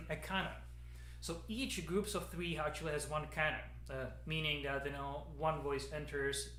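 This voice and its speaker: A man, a piano professor giving a casual spoken introduction to a piece, talking haltingly with many fillers and repeated words over a webcam in his studio. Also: a little high, a bit bright, reverberant. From Czech Republic. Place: piano studio at a university, indoors. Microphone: webcam at desk, video call.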